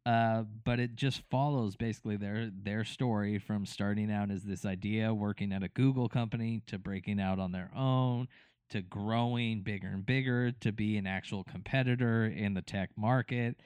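A man's voice: fairly low pitch, steady tone, moderate pace, a little mellow, clear, resonant tone, no room sound. A man co-hosting a podcast, chatting casually about a TV show with lots of fillers and restarts. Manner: rambling, many fillers and restarts. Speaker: podcast co-host. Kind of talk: casual chat recapping a TV show.

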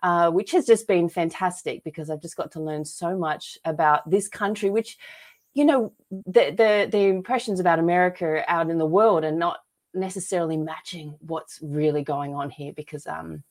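A woman with an Australian accent and a lowish voice speaks at a moderate pace as a podcast guest. An author and filmmaker, she tells personal stories earnestly and emphatically in a conversational interview.

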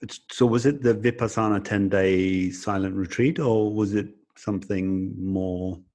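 Host: man with a very low voice, attentive and encouraging interviewer. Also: steady tone, unhurried, darkish tone.

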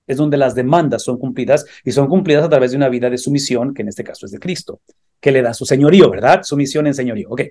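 A man's voice: mid-range voice, darkish tone. A man teaching a church Bible class, earnest and explanatory, building emphasis through repeated phrases. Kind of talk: theological teaching.

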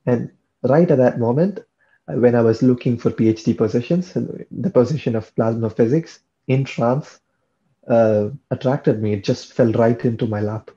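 In this lo-fi clip, a young Indian PhD student, a native Tamil speaker, talks about his studies in a relaxed interview. His voice is medium-pitched and warm, his pace moderate, and he tends to repeat words as he gathers his thoughts.

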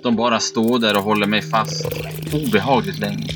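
A man telling a first-person story as scripted narration, in a measured, steady delivery. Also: fairly low pitch. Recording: dull, muffled recording with faint background music.

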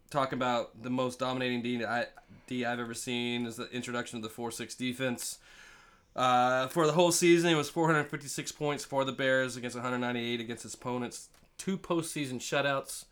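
A man's voice: mid-range voice, fairly bright tone. A man in his forties co-hosting a casual sports chat, joking, swearing and laughing often. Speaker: podcast co-host.

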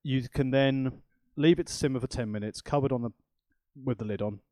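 A man's voice: medium pitch, brisk, darkish tone, dry recording. A man co-hosting a cooking podcast in a chatty, rambling way with self-deprecating asides. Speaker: podcast co-host. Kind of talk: casual chat.

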